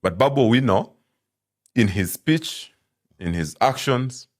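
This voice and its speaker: A man's voice: mid-range voice, animated, a little slow. A young man with a Kenyan accent in a casual panel discussion, emphatic and opinionated, switching between languages. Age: young adult. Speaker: panelist rating politicians.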